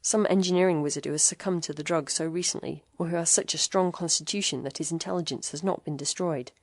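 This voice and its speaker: A woman's voice: deep voice, fast talker, no echo, clean studio sound. A woman voicing a horrified middle-aged male doctor in an audiobook, speaking in agitated, breathless exclamations. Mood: urgent. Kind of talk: audiobook character voice.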